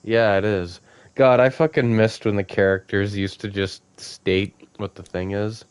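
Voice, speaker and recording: A man's voice: on the low side, steady tone, unhurried, clear, resonant tone, no echo. A man giving casual, rambling gameplay commentary as a let's play host, full of fillers and easy laughs.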